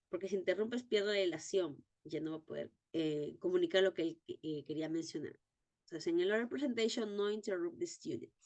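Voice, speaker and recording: A woman teaching an exam-prep lesson, reading English terms slowly and repeating key points. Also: fairly low pitch, darkish tone.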